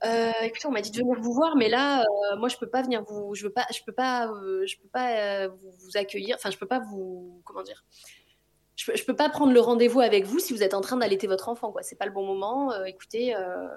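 A woman voicing a hurried hospital psychologist who hesitates, sighs and stumbles over her words. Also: mid-range voice, a little mellow, natural voice. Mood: flustered. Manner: hesitant, sighing, flustered.

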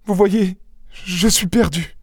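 Storybook role: man doing a desperate young noblewoman, high and frantic, pleading, dry studio sound. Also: big pitch swings, takes it slowly, darkish tone, no echo, full character voice. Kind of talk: audiobook character reading.

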